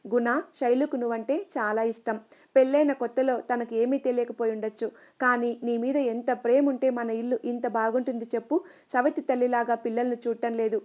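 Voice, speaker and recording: A woman's voice: fairly high pitch, a little mellow, close to an everyday voice. Caring middle-aged aunt giving earnest advice, woman narrator doing her, lo-fi.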